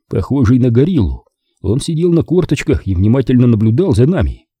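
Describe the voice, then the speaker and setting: Dark, husky male audiobook narrator. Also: lowish voice, dry recording, clean studio sound. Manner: measured storytelling.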